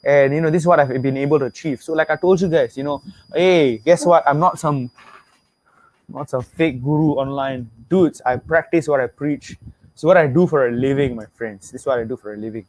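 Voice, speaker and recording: The rough, echo-free recording captures a young Singaporean webinar host with a medium-pitched, darkish voice talking briskly. In Singaporean English, he energetically pitches a motivational message online, repeating points and asking viewers to type replies.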